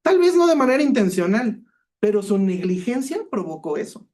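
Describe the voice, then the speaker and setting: A man's voice: sits high, normal speed. A man with a Mexican Spanish accent, a cybersecurity expert giving a talk and telling case stories, acting out the dialogue as he goes. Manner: lively storyteller, acts out quoted dialogue. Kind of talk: conference talk with anecdotes.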